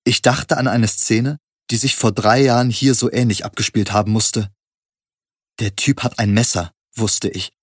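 A male narrator reading a gritty first-person story in a steady, measured way. His voice is mid-pitched and dry, with no room sound around it. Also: slightly rough, no room sound.

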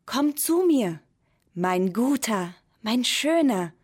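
A gentle, mournful moon in a storybook, as a woman puts her on, crooning slowly and tenderly in a raised, loud voice. The voice is soft-edged and a little breathy. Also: a little high, very animated, pitched above the performer's own voice, full character voice. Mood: tender lament. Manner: coaxing, tender, drawn out. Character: tender, sorrowful moon, female.

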